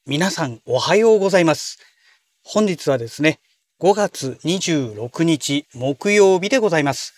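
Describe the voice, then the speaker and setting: A man hosting a daily audio log from inside a car, talking in a polite, chatty way with many soft fillers. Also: fairly high pitch, husky. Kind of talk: casual solo talk.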